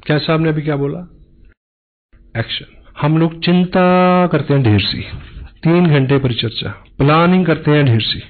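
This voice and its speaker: A man giving a motivational business talk in Hindi mixed with English, preaching hard work and telling parables. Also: fairly high pitch. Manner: preachy, mixes Hindi and English, tells parables with voiced dialogue. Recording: tinny phone-like sound.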